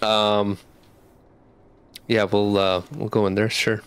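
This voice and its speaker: A man's voice: lowish voice, level tone, slow pace, fairly bright tone, clean tone. A man commentating on his game playthrough, nervous and anxious, repeating himself as he goes. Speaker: gamer, channel host. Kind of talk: let's play commentary. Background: game music.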